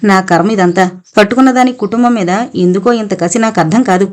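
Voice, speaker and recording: A woman's voice: mid-range voice, brisk, natural voice. A woman voicing a beaten, despairing housewife who speaks wearily through tears. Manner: weary, tearful.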